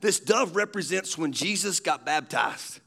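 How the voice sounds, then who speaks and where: A man's voice: high voice, lively intonation, measured pace, gravelly, bright, forceful tone. A man, preaching a sermon in a folksy storytelling way. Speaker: pastor.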